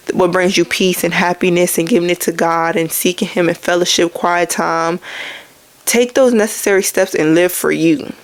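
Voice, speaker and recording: A woman's voice: fairly low pitch, no room sound. A young woman hosting her own podcast, chatting casually about faith and addressing listeners as y'all. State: out of breath. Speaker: podcast host.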